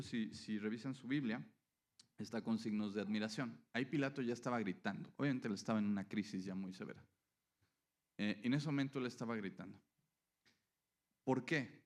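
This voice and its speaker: A man's voice: medium pitch, a little mellow. A man preaching a sermon, explaining scripture and often checking in with listeners. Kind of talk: sermon teaching.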